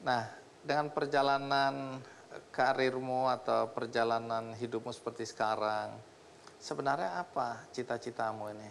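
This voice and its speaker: A man's voice: medium pitch, steady tone, normal speed, creaky, fairly bright tone, a little hiss or hum. A man hosting a television talk show, asking questions in an encouraging way and often adding "ya" to prompt his guest. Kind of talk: interview questions.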